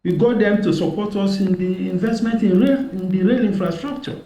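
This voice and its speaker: A man, an economist guest, joining a panel over a remote conference call and explaining policy in a measured, step-by-step way. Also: sits high, warm tone, highs cut off. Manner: measured, builds points step by step. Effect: remote conference call audio. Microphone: remote call connection. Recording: echoey breaking call line.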